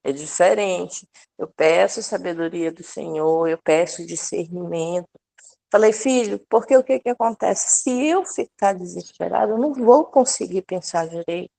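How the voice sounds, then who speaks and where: A woman's voice: lowish voice, normal speed, creaky, warm tone. A woman sharing a personal testimony with a prayer group, talking earnestly with many restarts and fillers.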